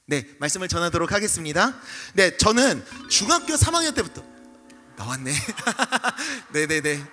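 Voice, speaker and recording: A young male pastor preaching in an animated storytelling style, acting out scenes and voices. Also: sits high, moderate pace, soft background music. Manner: lively, acts out scenes, shouts and mimics voices. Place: church sanctuary. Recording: livestream with long hall reverb.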